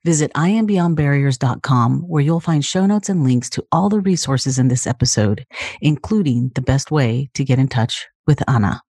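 A woman's voice: a bass voice, expressive, moderate pace, dark tone, breathy edge, no echo, studio quality. A woman hosting a podcast, reading a polished introduction and then chatting eagerly with fillers. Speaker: podcast host. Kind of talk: scripted intro then interview chat.

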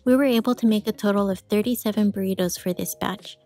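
A woman giving calm, matter-of-fact voice-over instructions for a home cooking video, explaining each step plainly. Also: mid-range voice, fast talker, faint music behind. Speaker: frugal cooking vlogger.

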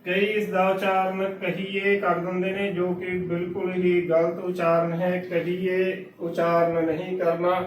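A man's voice: high voice, monotone, slow, hardly any pauses, roomy sound, distant mic, a little hiss or hum, poor audio. A man with a Punjabi accent teaching pronunciation, spelling out words letter by letter in a patient, corrective way. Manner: repeats each word letter by letter, patient and corrective. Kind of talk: slow methodical spelling-out lesson.

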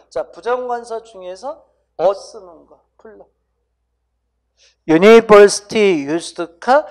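Casual lecturing teacher, mid-pitched voice, talks down familiarly to students and keeps tagging "right?". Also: darkish tone. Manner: addresses students directly, coaxing them to repeat sounds. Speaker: English grammar teacher. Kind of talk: exam-prep lecture.

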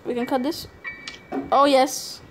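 A woman with a high voice plays as a scared horror game streamer. She comments casually at a slow pace, jumpy and prone to exclaiming and swearing. The recording has clear background noise. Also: flat delivery, fairly bright tone. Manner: freely swearing. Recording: clearly noisy home gameplay recording.

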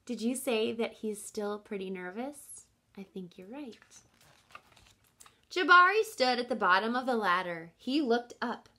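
A woman in her thirties, her voice a little high and unhurried, reads a picture book aloud as a teacher would. She reads expressively and instructively, pausing to explain things and to put questions directly to the young listeners.

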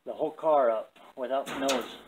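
A man in his sixties with slightly slurred, toothless diction, talking in a folksy, halting, rambling way as he vlogs from his car workshop. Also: medium pitch, darkish tone. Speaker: car builder and vlogger. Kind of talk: casual shop vlog, talking while working. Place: cluttered metal garage workshop, indoors. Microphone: camera a short distance away, later handheld. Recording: clearly noisy workshop ambience.

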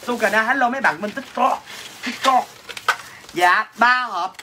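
A man's voice: high voice, a little slow. Brash Southern Vietnamese man hawking snacks. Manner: brash, teasing, answers viewer comments mockingly. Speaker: livestream seller. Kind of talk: comic livestream sales banter. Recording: noisy with clattering dishes.

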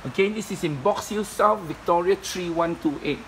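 A storage unit seller, a man with vocal fry, gives walkthrough commentary in an indoor unit, filming on a hand-held phone camera. His voice sits high and a bit bright at a moderate pace, and he lists things plainly and matter-of-factly with many fillers. The audio is poor, with faint background noise.

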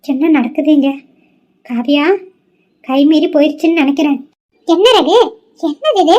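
A woman's voice: sits high, normal speed, darkish tone, pitched above the performer's own voice, natural voice. A woman voicing a stern, disappointed old grandmother in a cartoon, lecturing reproachfully.

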